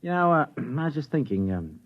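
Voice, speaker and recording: A man playing a flustered, excitable husband, swooping pitch. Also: a little fast, close to an everyday voice. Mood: eager, excited. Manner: stammering, blustery, chuckling. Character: flustered, excitable, wavering husband and eager tinkerer. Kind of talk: 1950s radio drama acting. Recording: muffled vintage radio recording.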